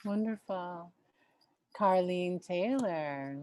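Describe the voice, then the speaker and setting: A woman hosts a live online gathering and calls on each guest in turn. She talks at an unhurried pace and keeps repeating cheerful little thanks. Her voice comes through dry and close on a video call. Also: fairly low pitch, darkish tone, dry recording. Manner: upbeat, repeats "wonderful". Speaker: host. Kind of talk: casual video call introductions.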